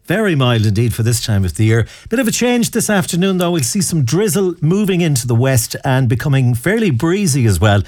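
A man's voice: mid-range voice, big pitch swings, brisk, hardly any pauses, darkish tone, no echo, studio quality. An Irish man presenting a radio weather forecast in a chatty, conversational way.

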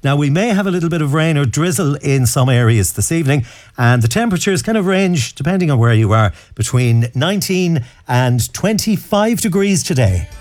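A man's voice: fairly high pitch, lively intonation, moderate pace, a little mellow, dry recording, clean studio sound. A man with an Irish accent presenting live radio in a chatty, informal style. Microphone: close studio microphone.

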